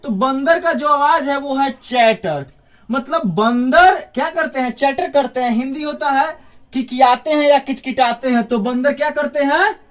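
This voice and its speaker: A man's voice: extremely high pitch, a little slow. A man giving an informal spoken lesson, chatty, with joking asides and questions put to the listener. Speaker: teacher.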